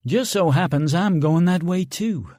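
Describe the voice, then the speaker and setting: A man's voice: fairly high pitch, expressive, a little slow, darkish tone, dry recording, clean studio sound, voice pushed up. Man doing a cocky mocking army sergeant. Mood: taunting. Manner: cocky, needling banter. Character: brash, mocking male American Delta Force sergeant.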